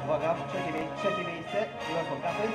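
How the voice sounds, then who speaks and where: A man announcing competition results through a megaphone, calling names slowly and formally and often asking for attention. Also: a little high. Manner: formal, slow calls of names with repeated calls for attention. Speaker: event announcer. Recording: echoey loudspeaker sound with music behind.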